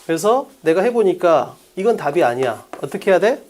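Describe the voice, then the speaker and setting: A man's voice: high-pitched, big pitch swings, brisk, a little mellow, a little hiss or hum. A middle-aged man teaching English test strategy to students, lecturing with lots of rhetorical questions.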